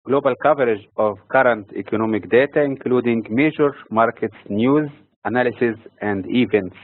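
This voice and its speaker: A man from Egypt delivering a scripted economic and financial markets commentary in a measured, read-from-notes manner. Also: medium pitch, no room sound. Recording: dry, tinny phone-like audio.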